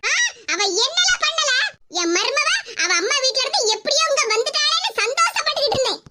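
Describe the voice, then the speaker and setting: A voice actor playing a scheming older village mother-in-law in a cartoon, gloating and scolding loudly. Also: very high voice, lively intonation, fairly quick. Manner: gloating and scolding, loud complaints. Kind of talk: cartoon voice acting. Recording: loud background hiss.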